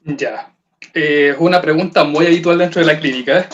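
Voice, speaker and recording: Male voice coach, explanatory lecturing tone, somewhat high pitch, dull call audio. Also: moderate pace, fairly bright tone, a little hiss or hum. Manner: explanatory, lecturing with rhetorical questions. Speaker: voice trainer. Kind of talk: online seminar talk.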